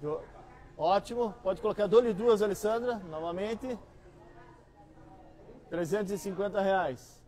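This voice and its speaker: A middle-aged man with a Brazilian accent working as an auctioneer, coaxing higher bids with repeated calls and pitching items to buyers. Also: measured pace, pauses often, darkish tone. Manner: repetitive, coaxing bid-calling. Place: large busy antiques store hall, indoors.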